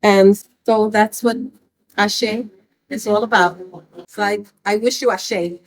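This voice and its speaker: A woman's voice: medium pitch, fairly even intonation, slow, poor audio. A woman explaining the meaning of her shirt in an earnest, emphatic street interview.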